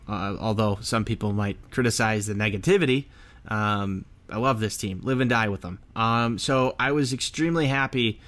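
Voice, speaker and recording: A man's voice: on the low side, a bit bright. A man co-hosting a sports podcast, giving casual, chatty and earnest fan commentary.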